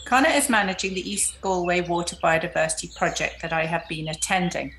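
A woman's voice: fairly low pitch, fairly quick, fairly bright tone, a little hiss or hum. A woman presenting and interviewing as a podcast host. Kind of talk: scripted introduction and conversational interviewing.

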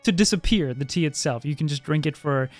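A man's voice: a little high, brisk, soft background music. A man narrating a tabletop role-playing game as its game master.

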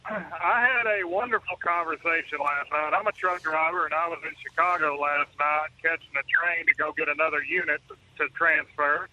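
A man calling in over the phone, his slightly high voice thinned by a muffled line. He lays out his point earnestly and at length, like a working trucker talking to a radio host. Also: dry recording. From Texas. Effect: heard over the phone. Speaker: caller, truck driver. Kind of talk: call-in talk radio chat.

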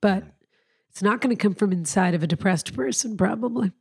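A woman's voice: mid-range voice, a little fast, gravelly, breathy edge. A woman co-hosting a podcast, giving earnest and rambling advice in casual chat, her voice weak from a cold. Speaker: podcast co-host.

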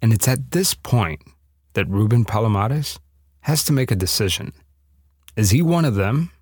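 A man's voice: on the low side, animated, moderate pace, darkish tone, breathy edge, no room sound, studio quality. A man narrating a scripted true-story podcast with a dramatic storytelling delivery.

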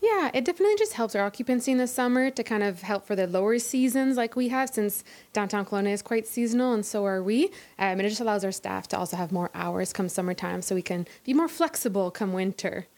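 Woman being interviewed, talks quick, average pitch. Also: lively intonation, darkish tone. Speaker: hotel staff interviewee. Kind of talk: spontaneous interview answer.

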